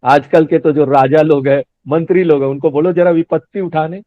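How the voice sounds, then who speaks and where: A man's voice: on the high side, fairly even intonation, normal speed, dry recording. A man who is a swami giving a Hindi spiritual discourse, chatty and laughing often, asking his listeners questions. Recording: dull lo-fi recording, dry.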